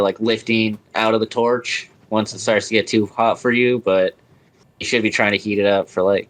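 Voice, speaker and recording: Guy w a lowish voice, podcast guest on speakerphone, super casual. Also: fairly bright tone. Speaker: podcast guest, glass artist. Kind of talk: casual chat. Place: remote call on speakerphone.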